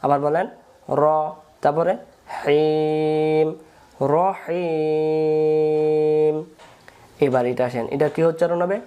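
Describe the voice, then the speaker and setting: A man's voice: on the high side, brisk, a little mellow. A man teaching Quran reading, patiently spelling out letters and drawing out long vowels, repeating each step. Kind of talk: slow step-by-step recitation lesson.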